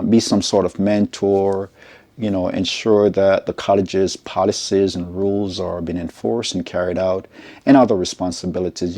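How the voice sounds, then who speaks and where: Deep, gravelly man. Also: a little mellow. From Jamaica. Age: middle-aged. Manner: measured, explanatory, often checks in with "right?". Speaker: college educator. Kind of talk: informational advice talk to camera.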